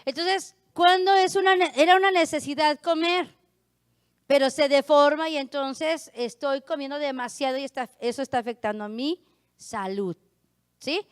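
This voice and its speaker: A woman pastor with a northern Mexican accent preaching a sermon, hoarse and pushing her voice out, often asking her congregation "right?". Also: sits high, normal speed, dry recording, studio quality. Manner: raises her voice to be heard, frequent rhetorical "¿verdad?".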